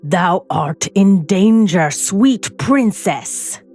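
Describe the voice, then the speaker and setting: Slurring, spitting male monster in an audio storybook, slow and dark, as a woman narrator puts him on. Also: medium pitch, animated, soft background music, heavily acted. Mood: desperate.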